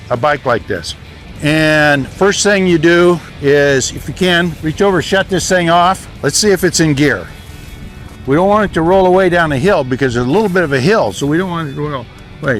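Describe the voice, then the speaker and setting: A man's voice: fairly high pitch, a bit bright. Man coaching bike handling outdoors, step by step. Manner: patient, step-by-step, loose and halting. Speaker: riding coach. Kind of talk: hands-on outdoor instruction. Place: outdoors on a desert training ground.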